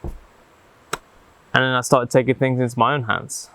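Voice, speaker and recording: A man speaking reflectively and haltingly, with deliberate pauses, as he vlogs outdoors in the jungle. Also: mid-range voice, little pitch movement, bright, forceful tone, a little hiss or hum, low-quality recording. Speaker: vlogger. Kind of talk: reflective talk to camera.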